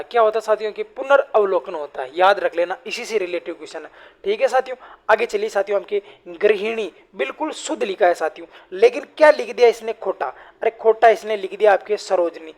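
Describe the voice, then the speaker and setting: A woman teaches an exam-prep class online. She talks in a steady, mid-pitched voice. She keeps asking her listeners a question and then answering it herself, calling them friends again and again. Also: a little fast.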